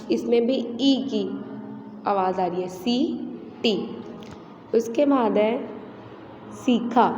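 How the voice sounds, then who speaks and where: A woman teacher with a Pakistani Urdu accent, slowly teaching young children, repeating words and spelling them letter by letter. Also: fairly high pitch, mellow. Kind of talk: slow classroom lesson. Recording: echoey room with long reverb, dull lo-fi sound, faint hiss.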